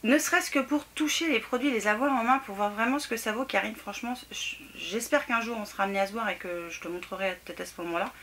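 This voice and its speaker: Chatty bright-voiced French woman vlogger. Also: on the high side, fast, few pauses, slight background noise. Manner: chatty, laughing, self-mocking, lots of fillers. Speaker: craft vlogger. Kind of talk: casual haul chat to camera. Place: home room near a table.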